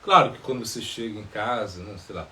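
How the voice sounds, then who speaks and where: A man, a monk, answering questions in a live spiritual talk, pausing often with filler sounds and tag questions. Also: on the low side, bright, forceful tone, slight background noise.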